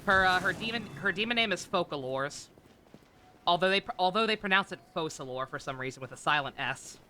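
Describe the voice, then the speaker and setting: A man's voice: high-pitched, expressive, a little fast, bright, forceful tone, slight background noise. A man streaming a video game with casual, rambling commentary, often hesitating and trailing off mid-thought. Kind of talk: casual livestream commentary over gameplay. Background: game music.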